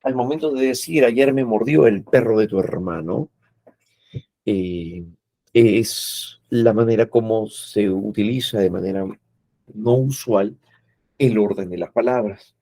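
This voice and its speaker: Low gravelly teacher. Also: male voice, unhurried, warm tone, dry recording. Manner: explains patiently with frequent "¿no?" and "eh" tags. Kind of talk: explanatory lecture.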